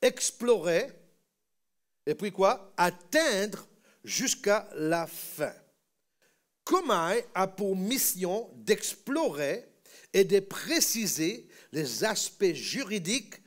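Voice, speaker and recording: A male pastor preaches in a church, drilling his congregation on a word and calling for them to repeat it back. His voice sits fairly high and swings widely in pitch. He takes his time, with a slow, deliberate pace. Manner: call-and-response teaching, repeating words for the congregation. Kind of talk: sermon.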